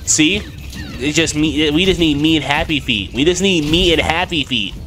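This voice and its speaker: In a low-quality recording, a young streamer with a stuffy, sick-sounding voice from a cold chats casually to viewers and himself while gaming at home. His slightly high voice is sharp and moderately paced, captured by a desk mic with a headset, with game music and sound effects in the background.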